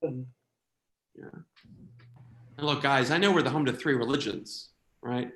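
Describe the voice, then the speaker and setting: An American man performing a stand-up comedy routine, animated, slipping quickly into quoted voices. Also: mid-range voice, reverberant. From United States.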